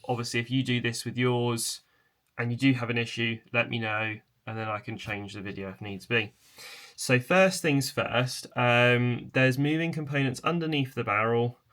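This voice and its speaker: A man presenting a casual hands-on tutorial in an informal, tentative, explanatory way, with a chair creaking. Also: medium pitch, fairly bright tone. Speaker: video presenter.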